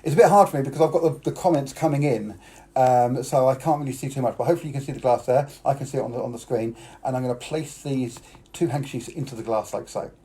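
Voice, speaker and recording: On a live stream, a British man plays a kids' party magician, talking quickly in a warm, medium-pitched voice. He leads the boys and girls through tricks and keeps urging them to join in.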